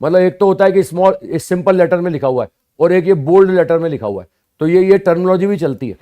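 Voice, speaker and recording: A man teaching physics to students, explaining slowly and repeating points, often asking rhetorical questions and answering them himself. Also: high voice, expressive, warm tone. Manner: addresses students as "bhaiya" and "sahab". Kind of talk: classroom lecture.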